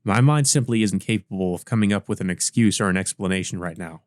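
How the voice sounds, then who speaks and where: A let's play host with a fairly low voice reads a visual novel aloud at a fast clip, blending narration with casual comments. The recording is dry and close, with no echo.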